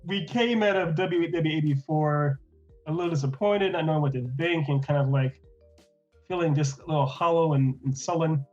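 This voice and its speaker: A man in his thirties co-hosts a casual review podcast in a somewhat high voice. He is enthusiastic, laughs often and stutters when he gets excited. The sound is a little dull, with faint music underneath. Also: moderate pace. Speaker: podcast co-host.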